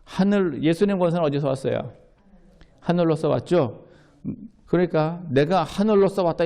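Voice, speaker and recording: A male pastor preaches in a relaxed, talking style, asking questions and then answering them. His voice is warm and a little high for a man. He brings quoted lines to life as he tells them. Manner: conversational preaching with rhetorical questions. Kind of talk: sermon.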